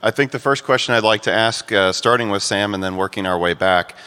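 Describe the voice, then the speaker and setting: Moderator: man, low crisp voice, halting delivery, long hall reverb. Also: sharp tone. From United States. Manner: hesitant, many filler sounds. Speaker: panel moderator. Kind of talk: moderating a conference panel. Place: conference hall.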